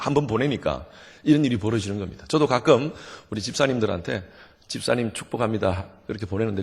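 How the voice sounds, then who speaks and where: A middle-aged male pastor preaches a revival sermon in a husky, gravelly voice, playful and quick to joke with the congregation. His words ring out with the long reverb of a church hall. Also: medium pitch. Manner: lively, joking preacher who has the congregation repeat after him. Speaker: revival meeting guest pastor. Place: church sanctuary.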